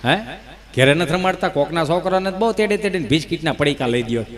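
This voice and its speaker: A man's voice: fairly high pitch, lively intonation, fast talker. A man performing a folksy stage comedy monologue and teasing the audience. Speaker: folk comedian.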